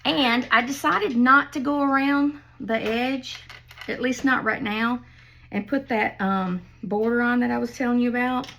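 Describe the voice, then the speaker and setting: A woman's voice: a little high, fairly even intonation, unhurried, creaky, fairly bright tone, slight background noise. An older woman, chatting folksily as she tells family stories and shows a craft project at home. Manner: folksy, chatty, laughs at her own stories. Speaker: craft vlogger. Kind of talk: casual storytelling and craft demo.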